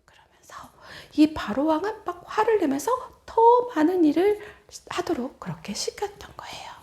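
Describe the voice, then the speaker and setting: A woman preaches to children in an animated storytelling way, often turning to ask them questions. Her voice is very high and swings widely in pitch. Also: normal speed. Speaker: children's ministry evangelist.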